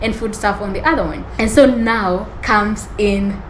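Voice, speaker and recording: A woman hosting a podcast tells a personal story in a rambling monologue, correcting herself as she goes and laughing often. Her voice is medium-pitched and unhurried. The recording is rough, with a little hiss or hum.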